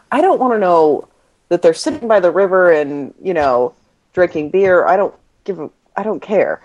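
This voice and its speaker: A woman's voice: low-pitched, darkish tone. A woman co-hosting a casual podcast chat, enthusiastic and laughing often.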